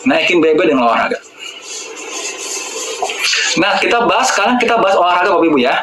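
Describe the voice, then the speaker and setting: A man's voice: sits high, big pitch swings, quick pace, echoey room, background noise. A man hosting a live-stream health talk, lecturing his viewers directly and repeating key words for emphasis.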